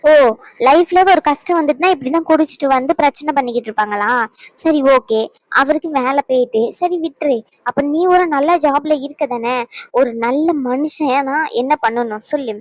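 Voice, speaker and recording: A woman plays a fierce elder sister in a cartoon drama, scolding in a high voice that lectures without letup. The sound is dry and close, with no room around it. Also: normal speed, dry recording, close to an everyday voice, rough recording. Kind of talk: animated drama dialogue.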